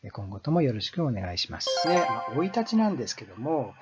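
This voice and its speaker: A man hosting a history channel, explaining in a halting lecture style full of drawn-out fillers. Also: mid-range voice, very animated, loud music behind the voice. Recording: dull lo-fi sound.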